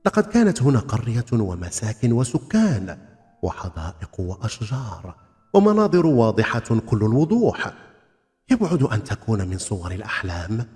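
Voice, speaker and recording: A man narrating a scripted folk tale as a storyteller, in a theatrical, expressive, literary manner. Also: fairly low pitch, normal speed. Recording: long reverb, music bed.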